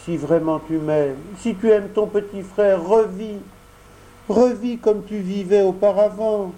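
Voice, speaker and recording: A man voicing a grieving, impulsive wooden puppet boy in a storybook reading, high and pleading. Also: measured pace, mellow, rough recording. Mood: wailing grief. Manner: wailing, pleading, high-pitched. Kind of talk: audiobook character voice.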